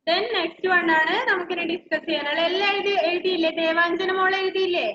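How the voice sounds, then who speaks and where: A woman's voice: very high-pitched, steady tone, brisk, bright, forceful tone, slight background noise. A woman with a Malayali English accent, teaching young children in an online class and coaxing them with repeated questions. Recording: echoey, slightly dull video-call audio.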